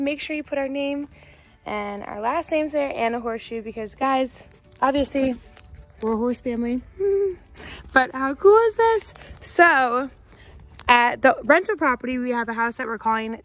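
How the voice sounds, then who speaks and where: Speaking to a phone she holds at arm's length, a woman in her twenties excitedly walks viewers around her horse farm in a casual vlog, covering the barn roof area and the pasture. Her voice sits on the high side at a normal speed, with no echo.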